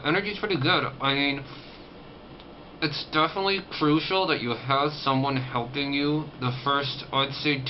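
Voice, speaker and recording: Man with a sore jaw, muffled noisy recording. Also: medium pitch. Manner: talking with a stiff, sore jaw. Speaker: vlogger recovering from jaw surgery. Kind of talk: casual personal vlog talk. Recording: dull lo-fi audio, clear background noise.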